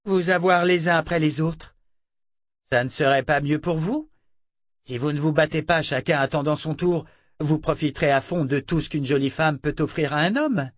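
A man's voice: on the high side, normal speed, no room sound, clean studio sound, pitched above the performer's own voice, close to an everyday voice. A man reading an audiobook and voicing a young woman captive who coaxes and persuades while hiding her fear. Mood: coaxing.

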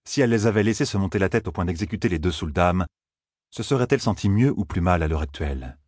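Deep, husky male audiobook narrator. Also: no room sound, studio quality. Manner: steady, measured storytelling. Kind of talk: scripted narration.

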